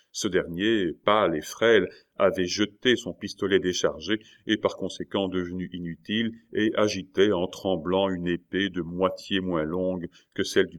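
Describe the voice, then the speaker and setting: A man narrating a literary audiobook in a measured, dramatic storytelling manner. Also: deep voice.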